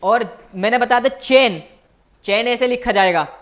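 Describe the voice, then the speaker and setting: A man's voice: extremely high pitch, measured pace, a bit bright. A man teaching as a language teacher in a recorded online lecture, patiently repeating each point and asking his viewers questions.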